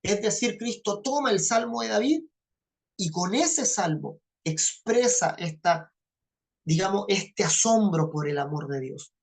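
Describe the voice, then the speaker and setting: A woman's voice: medium pitch, animated, unhurried, a little mellow. A woman teaching a Bible class. She keeps checking in with her listeners and repeats phrases for emphasis. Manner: checks understanding with frequent "¿ya?".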